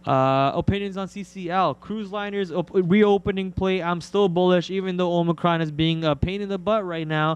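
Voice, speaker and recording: A man's voice: sits high, fairly even intonation, moderate pace, few pauses, clear, resonant tone, lo-fi sound. A man hosting a live trading stream, giving casual, slangy market commentary and answering viewer questions informally.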